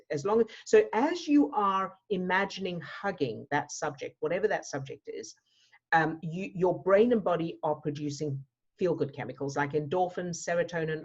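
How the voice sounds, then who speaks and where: Low-voiced woman coach from South Africa. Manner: explanatory, repeats words while thinking. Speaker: mindset coach. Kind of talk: teaching a workshop Q&A. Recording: dull lo-fi audio.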